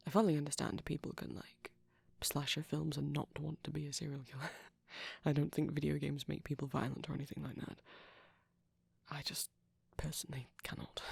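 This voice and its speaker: Speaking close to the mic in an intimate ASMR roleplay, a man plays a shy, gentle, nervous vampire boyfriend, hesitant and rambling, soft and breathy and often whispering. His pitch is fairly high, there's no room sound, and the performance is heavily acted.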